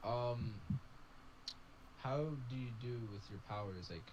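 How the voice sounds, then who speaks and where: A man's voice: mid-range voice, takes it slowly, highs cut off, noisy background. A young man playing a tabletop game who muses aloud and hedges with many fillers. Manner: musing, hedging with many fillers. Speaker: player. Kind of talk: casual table talk.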